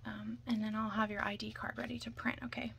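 Breathy and soft, this ASMR roleplayer takes on the role of a makeup artist, frequently slipping into a whisper. She talks fast in a slightly high, flat delivery, with clear background noise on the recording.

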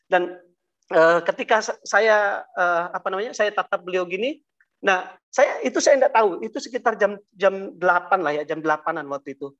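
A man telling his personal testimony to an audience, talking haltingly with many fillers and restarts and often addressing them directly. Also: high-pitched, a bit bright, lo-fi sound. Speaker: guest giving a testimony. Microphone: video call.

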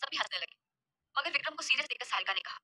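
High-voiced woman storyteller, super animated, doing all the characters' lines herself. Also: fast. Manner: shifts pitch and loudness to act out each character. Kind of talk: dramatic story narration voicing all characters.

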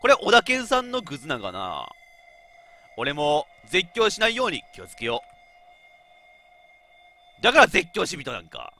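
A man's voice: fairly high pitch, moderate pace, long pauses. A man with a giving chatty, laughing let's-play commentary as a game streamer. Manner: animated, chatty, laughs often, talks to himself.

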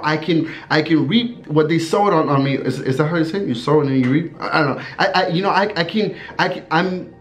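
A man in his thirties from the USA speaks straight to camera in a slightly high voice. His talk is loose and earnest, packed with "like" and "you know", and he breaks into laughter as he remembers old family moments. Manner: rambling and earnest, heavy on fillers; laughs while recalling stories. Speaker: vlogger.

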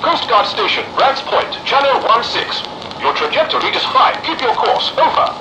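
A calm coast guard operator answers over marine radio in steady, procedural phrases. The transmission sounds roomy and echoey. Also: male voice, very high voice, moderate pace, over music.

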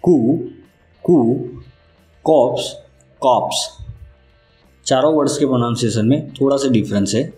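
A man giving a scripted vocabulary lesson, speaking slowly and deliberately and spelling words out letter by letter. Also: medium pitch, mellow. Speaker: vocabulary teacher. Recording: roomy echo with faint music.

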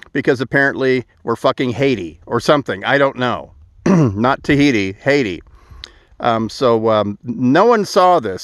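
A middle-aged man talking straight to a phone camera outdoors, with dry, mocking sarcasm and a steady trail of "uh" fillers. His voice sits in a middle register. The sound is close and dry, with no echo. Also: mid-range voice. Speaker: vlogger. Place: outdoors at a desert wind farm. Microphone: phone held at arm's length.

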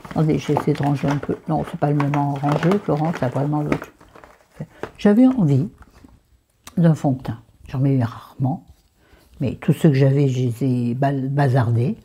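A woman's voice: low-pitched, moderate pace, dark tone, slight background noise. A French-accented woman chatting through a makeup haul, dropping into whispered asides and scolding herself by name. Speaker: beauty vlogger.

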